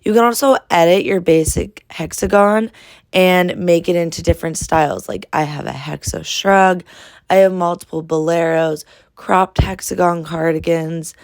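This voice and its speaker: A woman's voice: on the low side, steady tone, moderate pace, gravelly, a little mellow, dry recording. Nasal, stuffed-up woman teaching crochet. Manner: friendly, instructive, addresses viewers as friends. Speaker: crochet tutorial host. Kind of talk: casual step-by-step tutorial.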